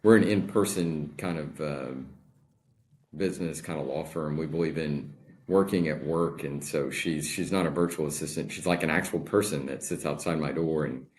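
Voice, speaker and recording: Very deep-voiced man in his forties. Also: moderate pace, darkish tone. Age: 40s. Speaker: podcast guest. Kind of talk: casual interview talk.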